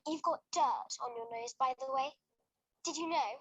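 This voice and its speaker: A young actress playing a bossy, know-it-all schoolgirl witch with a crisp British accent, in a film clip. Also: sits high, a little slow, no echo, low-quality recording. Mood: bossy, prim. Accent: British English.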